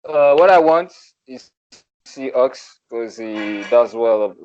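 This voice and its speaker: A man's voice: mid-range voice, expressive, slow pace, a little hiss or hum. A man on a remote call with glitchy audio that keeps breaking up, talking football in a laid-back, hesitant way and often calling others "man". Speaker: podcast panelist. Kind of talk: casual football chat. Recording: dull, dry remote call line.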